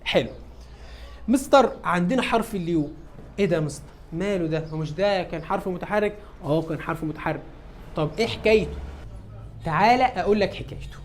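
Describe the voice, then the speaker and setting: A man's voice: sits high, fast, slight background noise. A man with an Egyptian Arabic accent teaching an English lesson. He asks questions and answers them himself, and speaks some lines in his students' voices. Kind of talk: classroom lesson.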